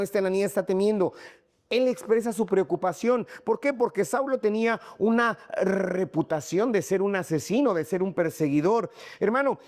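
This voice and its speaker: Emphatic preacher with a fairly high voice. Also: male voice, a little mellow. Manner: emphatic, repeatedly addresses "hermano", asks rhetorical questions. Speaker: pastor. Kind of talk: sermon.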